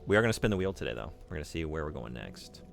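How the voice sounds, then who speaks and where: A man's voice: rumbling low, big pitch swings, rapid-fire, gravelly, over music. A man streaming a video game, chatting casually and joking with his chat. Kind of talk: casual chat while playing.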